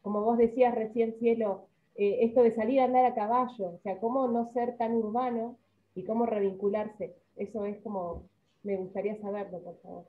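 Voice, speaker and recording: Over a thin, phone-like connection comes a woman asking a question. She pitches her voice a little high and hesitates between phrases with fillers. The sound is narrow and tinny. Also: fairly even intonation, moderate pace. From Argentina. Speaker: audience member asking a question.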